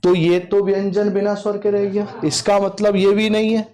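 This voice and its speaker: A man's voice: high-pitched, completely flat delivery, mellow, soft background music. A man teaching an exam-prep language class, drilling students by repeating questions and answers aloud. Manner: slow, emphatic explanation. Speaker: Hindi teacher.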